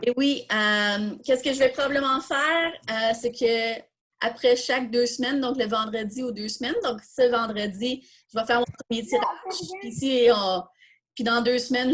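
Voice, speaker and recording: Leading a live coding workshop online, this Quebec French-accented host talks through her demo informally, thinking out loud and answering questions. She speaks at normal speed in a higher-pitched, fairly bright voice.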